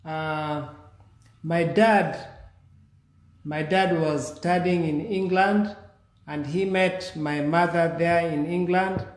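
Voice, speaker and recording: A man in his forties, originally from Kenya, slowly telling his life story as an interview guest, with pauses and restarts. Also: on the high side, fairly even intonation, roomy sound. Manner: slow, measured, with pauses and restarts.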